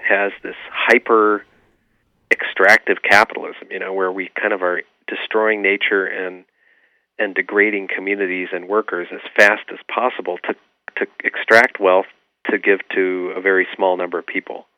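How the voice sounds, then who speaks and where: A man's voice: low voice, level tone, normal speed, no echo. A man, an author being interviewed, explaining his views earnestly and with many fillers. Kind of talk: remote radio interview. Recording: tinny phone line.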